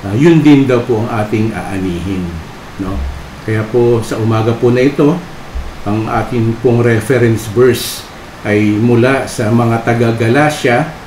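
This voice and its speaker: A man's voice: medium pitch, measured pace, a little mellow, slight background noise. A man preaching a storytelling sermon at a church worship service. He speaks hesitantly, with many fillers and tag questions. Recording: roomy hall with faint ambience.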